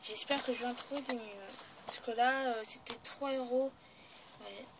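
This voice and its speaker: A woman's voice: on the high side, steady tone, moderate pace, background noise. A woman chatting casually in a haul video, showing her purchases with enthusiasm and often correcting herself and apologizing. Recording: loud crinkling of packaging and clicks close to the mic.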